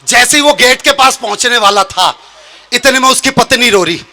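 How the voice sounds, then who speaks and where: A man who is a comic poet telling a funny story on a live stage, lively and shouting out the punchlines. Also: very high voice, moderate pace. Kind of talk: stand-up poetry performance.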